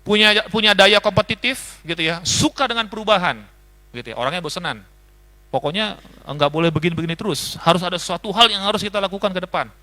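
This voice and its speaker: A male pastor teaching a leadership seminar in a lively way, listing traits and often addressing his listeners. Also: sits high, quick pace. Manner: lively, lists traits, often asks the audience.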